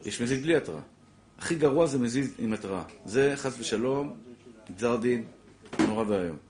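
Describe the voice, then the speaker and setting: A man teaching a lively religious law lesson to a class, repeating his points and acting out little scenes. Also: mid-range voice. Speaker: Torah teacher.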